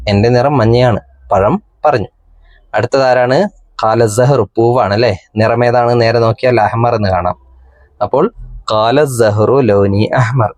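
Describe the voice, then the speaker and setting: A man teaching an Arabic exam paper, reading each line slowly and then translating it for young pupils. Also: mid-range voice, a little mellow, dry recording. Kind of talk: exam paper walkthrough lesson.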